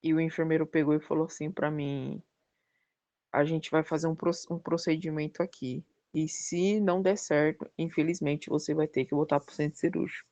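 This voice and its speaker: A woman giving a personal religious testimony as a podcast guest, telling her story with lively acted-out dialogue. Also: low voice, normal speed, no room sound. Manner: animated storytelling, acting out the dialogue.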